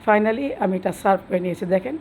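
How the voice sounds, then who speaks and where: A woman, slightly hoarse from a cold, talking homely and chatty through a cooking tutorial voice-over, restarting her phrases often. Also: mid-range voice, racing, a little mellow, a little hiss or hum. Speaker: cooking channel host.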